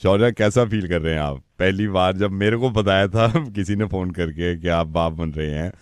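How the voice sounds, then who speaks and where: A man hosting a radio prank call, posing as a doctor and talking to the caller in a calm, patronizing way. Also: deep voice, moderate pace, clean tone, no echo, clean studio sound. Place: radio studio.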